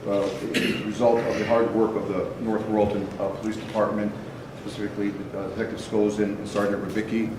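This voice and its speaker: A man acting as prosecutor, addressing the court in a halting way with many fillers, captured in a courtroom recording. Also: on the low side, flat delivery. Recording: echoey courtroom, distant mic, noise.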